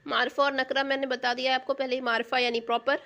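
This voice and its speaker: Female grammar teacher, higher register, patient and repetitive, checks in with rhetorical questions. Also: flat delivery, bright, forceful tone. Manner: patient, repeats key terms and asks rhetorical check questions. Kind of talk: explanatory lesson in Urdu.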